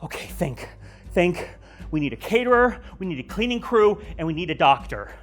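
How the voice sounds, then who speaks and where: Woman playing a frantic, excitable show host, swooping pitch. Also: moderate pace, soft background music. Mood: frantic excitement. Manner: panicky, gushing, theatrical. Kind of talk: campy comedy skit.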